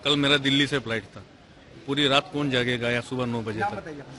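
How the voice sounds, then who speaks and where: A man's voice: medium pitch, fairly even intonation, normal speed, a crowd in the background. A man, a stranded air passenger, giving a detailed, aggrieved step-by-step account in an on-the-spot news interview outside an airport terminal.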